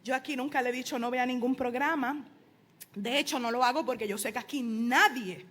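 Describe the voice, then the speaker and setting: A middle-aged woman pastor, preaching a sermon with emphatic rises and soft asides. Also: sits high, a little fast.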